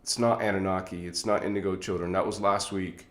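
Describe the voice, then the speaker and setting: Fairly quick and low-pitched, this host's voice stays fairly even in intonation against reverberant surroundings. He rambles chattily on his casual livestream through a tripod-mounted phone, nose stuffed up, often chuckling.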